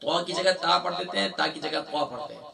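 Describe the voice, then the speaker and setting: A man teaching a Quran recitation lesson, explaining mistakes quickly and then chanting the verses slowly and melodically. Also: high-pitched, steady tone, vocal fry, crowd noise.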